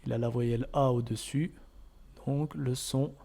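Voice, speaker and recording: Male teacher, slow patient delivery, mellow dark tone, walks learners through each example. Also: medium pitch, steady tone, creaky. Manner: patient, repeats each point, models sounds. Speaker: Arabic reading teacher. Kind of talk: step-by-step lesson narration.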